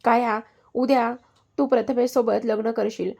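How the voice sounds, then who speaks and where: Storybook reading: a calm, curt, commanding elder brother; a woman reads him. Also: fairly high pitch, moderate pace, vocal fry. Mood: stern.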